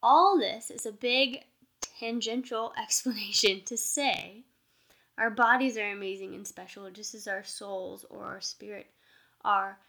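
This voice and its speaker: A woman's voice: mid-range voice, vocal fry, a bit bright. A woman giving informal meditation instruction as a teacher, speaking in a reflective, conversational way.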